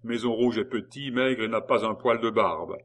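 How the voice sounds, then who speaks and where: A man voicing a calm, cold male public prosecutor who speaks curtly and with doubt. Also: on the low side, moderate pace.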